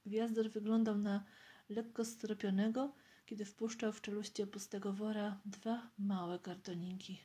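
Woman reader, audiobook reading of a novel, slow, breathy, mellow, half-whispered storytelling. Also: mid-range voice, little pitch movement.

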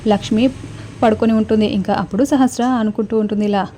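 A woman's voice: medium pitch, fairly even intonation, fast talker, mellow, a little hiss or hum. A woman with a Telugu accent narrating a recap of a TV serial episode, retelling plainly with frequent restarts.

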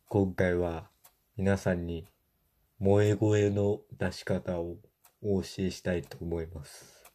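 A man's voice: low voice, warm tone. A young man presenting a tutorial to camera in a polite, formal way. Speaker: YouTuber presenter. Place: small room at home, indoors.

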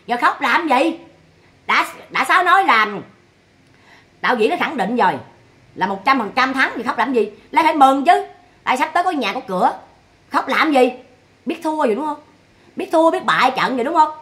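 A woman's voice: high voice, sharp tone. A woman, scolding and mocking someone in a vlog monologue full of rhetorical questions. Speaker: vlogger commenting on family drama.

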